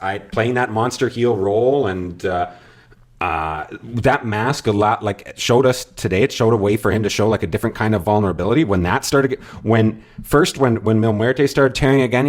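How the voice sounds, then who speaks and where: A man's voice: on the low side, normal speed. A man co-hosting a casual wrestling review podcast, enthusiastic and rambling. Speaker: podcast co-host.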